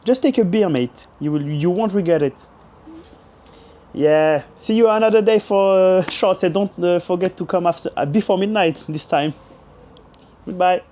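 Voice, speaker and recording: A hoarse young man role-playing a polite male bartender in English. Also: sits high, measured pace, mellow. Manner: formal, apologetic.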